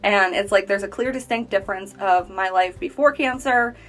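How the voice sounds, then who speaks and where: Speaking at a normal speed in a mid-range, slightly bright voice, a cancer survivor in her late twenties addresses viewers head-on. She recounts her own story earnestly, in a relaxed conversational manner.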